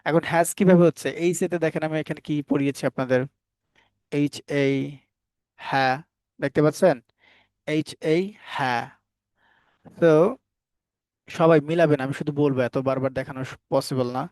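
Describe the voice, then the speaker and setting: A man's voice: fairly high pitch, steady tone, brisk, long pauses, a little mellow, no echo. Questioning, spelling-out male phonics teacher. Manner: asks the class questions and answers them himself; spells words out sound by sound. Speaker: English teacher. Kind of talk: phonics lesson for Bengali learners.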